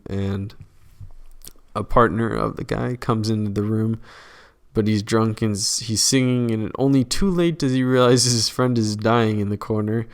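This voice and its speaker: A man's voice: fairly low pitch, vocal fry. A young man casually retelling a film's plot as a podcast host, rambling and acting out quoted lines in slang.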